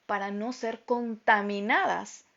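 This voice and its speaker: A middle-aged woman teaching a Bible lesson to a women's group, speaking loudly and emphatically. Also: mid-range voice, steady tone, slow, vocal fry, lo-fi sound. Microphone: phone.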